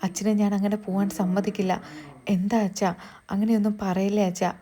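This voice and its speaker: A woman's voice: medium pitch, flat delivery, fairly quick, dark tone, close to an everyday voice. A woman voicing a tearful, loving young daughter who pleads and reassures.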